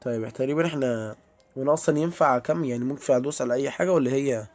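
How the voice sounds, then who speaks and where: This horror-game streamer is a young man with an Egyptian Arabic accent who speaks very fast in a darkish, mid-range voice. He keeps up a chatty running commentary aimed at his viewers and is easily startled.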